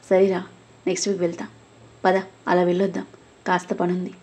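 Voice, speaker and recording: Woman doing a gentle elder brother, quiet and reassuring, breathy husky tone, storybook reading. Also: fairly low pitch, completely flat delivery, fairly quick. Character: calm protective elder brother, adult man.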